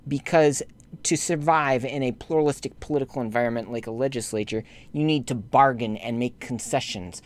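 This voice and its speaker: In this medium-pitched slide-lecture voice-over, a layman directs his commentary at bishops, scolding church leaders. Indignation makes his rebuking tone shoot upward, but he becomes measured when he explains history.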